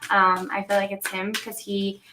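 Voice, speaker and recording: A young woman talks through a card reading in a gentle, halting way, full of fillers and restarts. Her voice stays fairly flat and even. The sound carries a roomy echo. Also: medium pitch, noisy background. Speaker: psychic medium reading cards. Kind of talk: casual spiritual reading.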